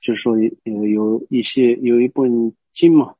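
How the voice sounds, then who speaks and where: A man giving a Buddhist teaching as a story, hesitant, pausing often and explaining as he goes. The recording is dull and lo-fi. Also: mid-range voice, mellow, breathy edge, dry recording. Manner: hesitant, many pauses and restarts, explaining as he goes.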